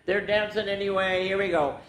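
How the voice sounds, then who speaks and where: In an echoey room with rumbling background noise, a woman leads a children's story time, animatedly reading picture books with sing-song rhymes and casual, exclamatory asides while drawing out rhymed words. She talks fairly quickly in a steady tone.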